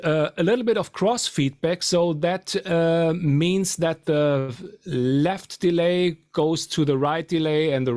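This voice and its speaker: A man demonstrating guitar amp settings, explaining in a halting way. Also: fairly high pitch, a little mellow. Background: faint guitar playing.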